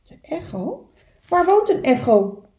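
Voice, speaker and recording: Woman putting on a squeaky eager little beaver. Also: slow pace, roomy sound, heavily acted. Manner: excited, wide-eyed questioning. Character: small eager young male beaver.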